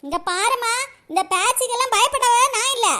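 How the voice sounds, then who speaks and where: A woman's voice: very high voice, normal speed, background noise. A woman doing a stubborn demanding daughter. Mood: defiant. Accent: Kanyakumari Tamil. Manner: defiant, insistent.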